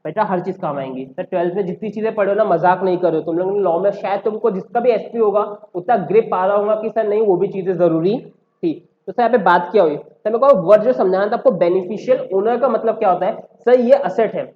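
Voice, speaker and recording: A man's voice: sits high, fast. Man, tax law lecture, Hindi-English mix, self-questioning, lo-fi roomy sound. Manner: Hindi-English mix, asks and answers his own questions. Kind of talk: classroom lecture.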